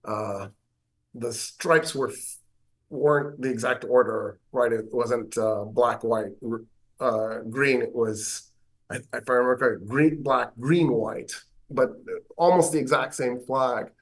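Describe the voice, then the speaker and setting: An American man, a government professor, explaining history in an interview with animated delivery and wry asides. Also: medium pitch, measured pace.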